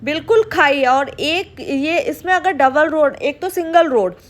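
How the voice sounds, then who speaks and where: A woman narrating a travel vlog voice-over, talking quickly in long run-on breaths with a lively, emotional storytelling manner. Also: high voice. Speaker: travel vlogger.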